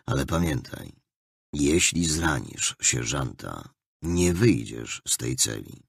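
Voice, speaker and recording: A man's voice: sing-song, creaky, breathy edge, no echo, clean studio sound, exaggerated voice. A man voicing a cold, stern male interrogator. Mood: cold, commanding. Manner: slow, low, clipped and threatening. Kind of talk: audiobook character voice.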